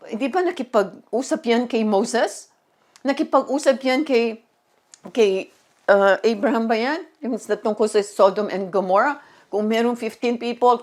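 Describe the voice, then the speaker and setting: A woman pastor giving a sermon with personal testimony, talking in an animated, conversational way with many fillers. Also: on the high side, measured pace.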